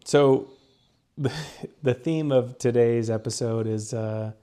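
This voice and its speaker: A man's voice: mid-range voice, fairly even intonation, slow pace, mellow, clear, resonant tone. A young man co-hosting a casual podcast, explaining research in a rambling way, with lots of fillers and restarts. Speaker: podcast co-host presenting research. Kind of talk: casual chat.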